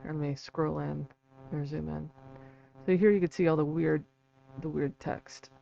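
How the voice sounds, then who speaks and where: A man with vocal fry giving a casual, halting livestream explanation, often checking in with a quick "right?" or "okay". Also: on the high side, steady tone, dark tone. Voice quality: vocal fry from an old vocal cord injury. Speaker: livestream host and researcher. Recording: dull lo-fi mic with faint hum.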